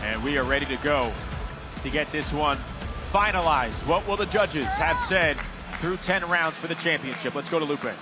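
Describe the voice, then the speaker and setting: A male play-by-play commentator with a high-pitched voice covers boxing in polished broadcast phrasing. He is measured and emphatic, and loud music plays behind him. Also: lively intonation. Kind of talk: polished live sports commentary.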